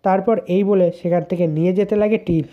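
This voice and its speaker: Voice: mid-range voice, fairly even intonation, brisk. A narrator plainly retelling a serial's episode as a story. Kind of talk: storytelling recap. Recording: dull lo-fi sound.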